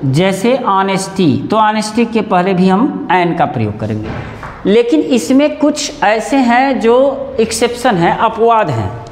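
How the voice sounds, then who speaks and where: Slow, echoey, high-voiced male teacher. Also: big pitch swings, slight background noise. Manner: drawn-out repetition of example words; corrects himself mid-explanation. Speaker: English grammar teacher. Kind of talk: classroom grammar lesson. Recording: echoey room with long reverb.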